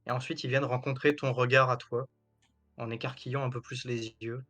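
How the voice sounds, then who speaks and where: A man's voice: mid-range voice, flat delivery, fairly quick, fairly bright tone, soft background music. Man narrating as game master. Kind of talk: narrating a tabletop role-playing game.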